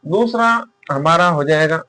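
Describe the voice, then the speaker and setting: A male teacher giving a casual exam-prep lecture, asking questions and answering them himself, and repeating key terms slowly as he writes them down. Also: fairly high pitch, lively intonation, pushed and bright. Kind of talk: casual classroom-style lecture.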